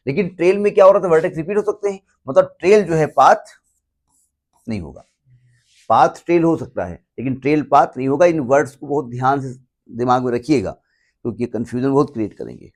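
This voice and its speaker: Chatty male maths teacher. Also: on the high side. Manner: chatty, repeats points, mixes in English terms; stops often to check that students understand. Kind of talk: classroom lecture.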